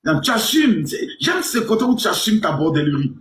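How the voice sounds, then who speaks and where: Man, 40s, high voice, crude teasing streamer, roomy sound with faint noise. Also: very animated, a little fast. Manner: crude, teasing, mock-indignant, swings loud and low. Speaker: live stream host. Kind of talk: provocative live stream banter.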